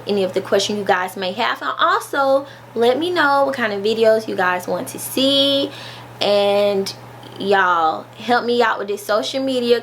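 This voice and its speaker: A woman's voice: medium pitch, fairly bright tone, slight background noise. A woman nurse, talking casually to her viewers in a chatty, folksy way with many fillers. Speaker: nurse vlogger. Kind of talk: casual informational vlog.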